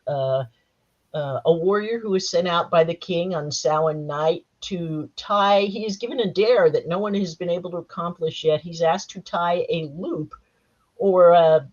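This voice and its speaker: A woman with a slightly hoarse voice from a cold, leading a panel discussion in a chatty, wry lecturing manner. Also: fairly low pitch, a little mellow, muffled recording. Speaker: panel moderator and Halloween historian. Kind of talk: panel discussion on a live stream.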